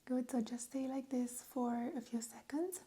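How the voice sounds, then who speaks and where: A woman whispering a medical exam roleplay in a slow, gentle, reassuring way. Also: high-pitched. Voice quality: soft whispery. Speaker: ASMR roleplay nurse.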